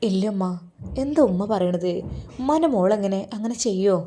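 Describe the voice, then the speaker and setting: A woman doing a gentle student daughter. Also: mid-range voice, expressive, normal speed, natural voice. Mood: defensive.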